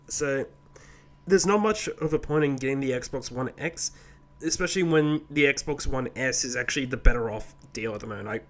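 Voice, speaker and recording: A man's voice: medium pitch, moderate pace. A man co-hosting a podcast in casual chat, with dry quips. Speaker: podcast co-host.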